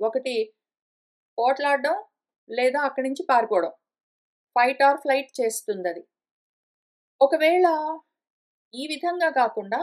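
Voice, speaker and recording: High-voiced woman explaining scripture patiently. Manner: patient, explains step by step with everyday examples. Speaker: teacher of scripture study. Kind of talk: explanatory lecture. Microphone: conference call line.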